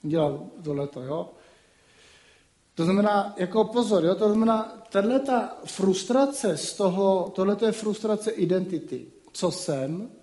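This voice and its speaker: A man with a high, warm voice gives a casual spoken lecture, talking colloquially and often slipping in rhetorical asides. The recording has a roomy echo.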